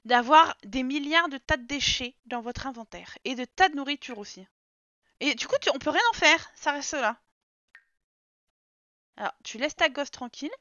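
A woman streamer giving casual let's-play commentary, chatty and quick to scold her game characters. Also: high voice, sharp tone, no echo, highs cut off.

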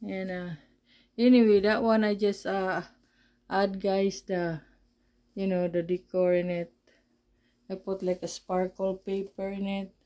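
A woman chatting casually as she shows off her home basement, halting and often searching for words. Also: medium pitch, flat delivery, mellow. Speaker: vlogger. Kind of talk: casual home tour chat.

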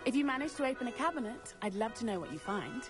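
A woman voicing a cheerful, excitable young female student in a game, chatty and a little husky. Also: fairly high pitch, fast, over music. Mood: encouraging. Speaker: game character.

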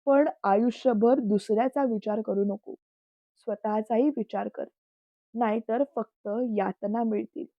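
A woman voicing a dignified uncle who speaks gravely yet kindly in a storybook reading. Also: high-pitched, fairly even intonation, unhurried, dry recording, dull audio. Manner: grave, gently warm. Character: dignified uncle, stern but kind.

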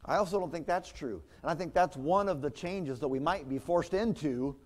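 A man's voice: fairly high pitch, moderate pace, darkish tone. A man preaching a sermon as pastor, in a conversational way with chuckles and restarts.

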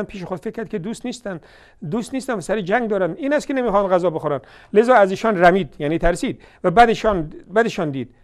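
A man with a high, light voice delivering a fiery religious lecture for television. He swings between loud scolding outbursts and low, mocking asides, and he slows right down to recite scripture word by word. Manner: heated, scolding and mocking, loud bursts then quiet asides; recites scripture slowly and deliberately.

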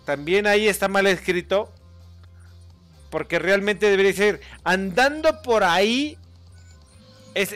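A man's voice: high-pitched, a bit bright. A man hosting a casual screen-recording tutorial, rambling as he reads out view counts and corrects viewers' spelling. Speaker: YouTube gamer and channel host.

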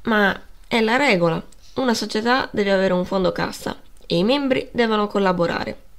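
A woman's voice: medium pitch, moderate pace, vocal fry, natural voice. A woman reading the part of a timid, tearful schoolboy explaining himself to his teacher. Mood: pleading. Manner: pleading, earnest.

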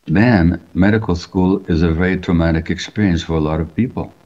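Older man, deep measured explainer. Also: darkish tone. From Hungary. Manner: measured, explanatory, asks rhetorical questions. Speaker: physician and author. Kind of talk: reflective interview answers over video call. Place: indoor room at home. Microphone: video call webcam. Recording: dull lo-fi video call audio.

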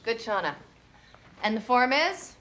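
An actress in her thirties playing a quick-witted divorced teacher and mother, with a dry, teasing way of talking in a TV film. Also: fairly high pitch, sing-song, fairly bright tone, a little hiss or hum. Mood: playful. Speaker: lead character, teacher and single mother. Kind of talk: TV film acting.

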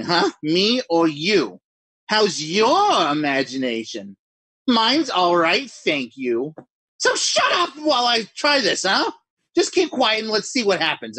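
A man uses a high, pushed, bright voice with a breathy edge to fully play a character: a jittery writer alone at night, talking to himself. He rambles and mocks himself in 1940s radio acting style, recorded with no room sound.

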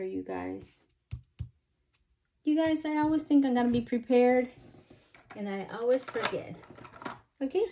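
A woman talks casually to her viewers in a budgeting vlog. Her voice sits a little high. She is slightly out of breath and keeps saying "you guys.". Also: darkish tone. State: a bit out of breath. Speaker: budgeting vlogger. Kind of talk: casual chat to camera.

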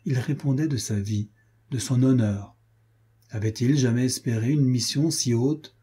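A male audiobook narrator with a very dark, mellow timbre and a husky edge. He reads in a measured, expressive scripted narration at a middle pitch. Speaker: audiobook reader.

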